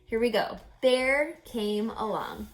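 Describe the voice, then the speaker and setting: With soft background music, an expressive woman on the high side reads a picture book aloud. Her delivery is teacherly, deliberate and instructive, full of dramatic pauses and questions aimed at young listeners.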